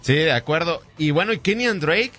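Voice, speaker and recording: A man hosting a sports radio show, giving a brisk rundown of results and interviewing a guest. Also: a little high, animated, fairly bright tone, soft background music.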